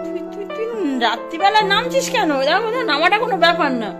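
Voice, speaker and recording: A woman's voice: very high-pitched, animated, quick pace. A woman with a Bengali accent filming a casual home vlog, coaxing her toddler with playful baby talk. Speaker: vlogger and mother. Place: home, indoors. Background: background music.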